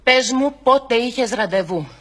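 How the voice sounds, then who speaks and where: A woman playing a furious, foul-mouthed woman who yells insults at a man who missed a meeting. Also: a little high, animated. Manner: yelling streams of insults. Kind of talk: comedy sketch acting.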